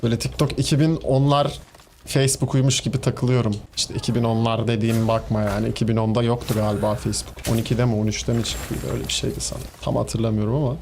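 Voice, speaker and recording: A man's voice: medium pitch, level tone, fast talker, creaky, a little mellow, a little hiss or hum. A man with a Turkish accent giving casual, chatty commentary while streaming a game, talking back to enemies and to his viewers. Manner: chatty, talks to the game's enemies and to viewers, laughs easily.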